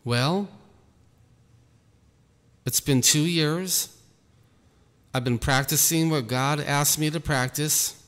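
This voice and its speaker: A man giving an earnest personal testimony about his ministry, talking slowly and repeating himself. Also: fairly high pitch, a bit bright, big-room sound. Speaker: ministry leader.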